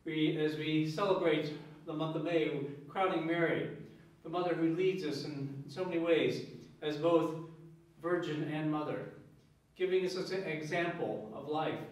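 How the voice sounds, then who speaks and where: A man, a priest, leading Mass in a measured, solemn way, his voice ringing with cathedral echo. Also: on the high side. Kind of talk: liturgical prayer and scripture reading. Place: large reverberant church. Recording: heavy church echo, mic far off.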